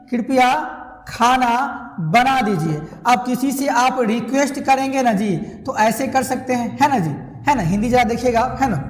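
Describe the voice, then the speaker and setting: A man teaching a spoken English lesson. He repeats each example and keeps asking his students if they follow, drawing out the model sentences slowly. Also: very high voice. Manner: slow, drawn-out model sentences. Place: room, writing on a board. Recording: echoey room with long reverb.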